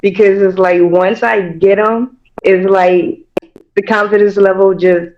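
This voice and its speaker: A woman's voice: medium pitch, steady tone, a little slow. A woman in her thirties calling in over a muffled phone line, talking hesitantly and rambling with many fillers. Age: 30s. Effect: muffled phone-call line. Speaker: caller. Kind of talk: call-in conversation. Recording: dull lo-fi call audio.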